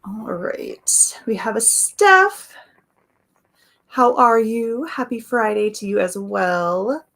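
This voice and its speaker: A woman with a raspy voice hosting a casual livestream, reading viewers' comments aloud and chatting about them. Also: on the high side, lively intonation, slow, a bit bright. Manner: chatty, reads comments aloud, laughs often. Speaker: livestream host.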